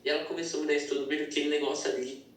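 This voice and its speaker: A man's voice: on the high side, little pitch movement, rapid-fire. Young man telling his story in an echoey hall. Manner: conversational storytelling with frequent "né?" tags. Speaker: church member giving testimony. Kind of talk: testimony at a prayer meeting. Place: church hall. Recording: echoey church hall from a distant mic.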